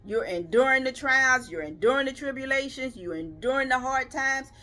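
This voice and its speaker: A woman's voice: high-pitched, animated, normal speed, pushed and bright. Woman preaching in rhythmic rhetorical questions. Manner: earnest, emphatic, building rhythmic lists. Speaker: lay preacher. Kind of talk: devotional video sermon.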